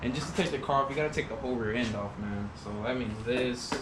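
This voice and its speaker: A man talks like a frat bro, casual and full of joking swagger, hosting a hands-on repair video. His voice sits at an average pitch in an echoey space, with loud noise and clicking around him. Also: fast. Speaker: host of a DIY motorcycle repair video. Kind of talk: casual chat while working.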